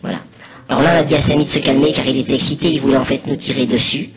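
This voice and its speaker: A man giving a casual, improvised mock commentary over video, rambling hesitantly and pausing mid-sentence. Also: mid-range voice, steady tone. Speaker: narrator of a spoof anonymous behind-the-scenes testimony. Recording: voice over loud music. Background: loud music.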